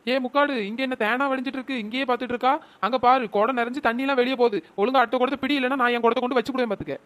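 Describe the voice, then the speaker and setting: A woman's voice: high-pitched, fairly even intonation. A woman voicing a scheming young village woman who stirs up quarrels at a water tap, speaking in a cartoon comedy. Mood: scolding. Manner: scheming, scolding, quick village banter. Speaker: cartoon storyteller voicing the schemer Chinna Ponnu.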